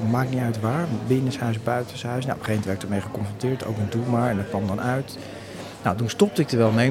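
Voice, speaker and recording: Man, interview guest, frank, halting speech, crowd noise behind. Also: mid-range voice. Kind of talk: candid interview talk.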